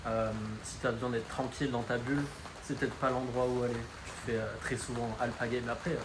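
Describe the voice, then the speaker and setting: Guy chatting on a podcast, lots of ums, mid-pitched voice. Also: level tone, brisk. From Marseille, France. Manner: hesitant, many fillers. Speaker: podcast guest. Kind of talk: casual chat. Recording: noisy background.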